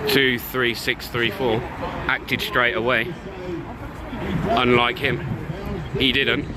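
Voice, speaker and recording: A man's voice: mid-range voice, flat delivery, slow pace. A man filming himself at an outdoor street protest, arguing heatedly and repeating his points. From Britain. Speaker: street audit vlogger. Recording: loud protest crowd outdoors.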